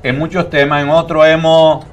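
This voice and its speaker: An older man, speaking as a guest analyst on a TV panel, measured and full of hesitant fillers. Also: a little high, flat delivery, faint music behind. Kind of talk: political panel talk. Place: TV studio. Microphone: lapel mic.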